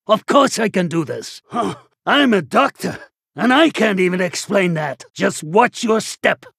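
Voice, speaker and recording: An actor playing a cocky, menacing, trigger-happy outlaw doctor in a video game, gruff and boastful with a gravelly, slangy delivery. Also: male voice, high voice, big pitch swings, unhurried, fairly bright tone, no echo, studio quality, exaggerated voice. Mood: cocky, threatening. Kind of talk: animated video game character acting.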